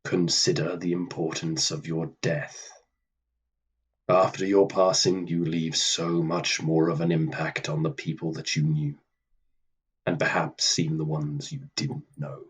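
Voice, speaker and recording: Male actor as Death, husky low voice, unhurried, stern, formal, dismissive, radio drama. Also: level tone, full character voice. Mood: detached, grave. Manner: deliberate, formal, cold, dismissive. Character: Death, stern, weary, aloof immortal being, male. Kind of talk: radio play acting.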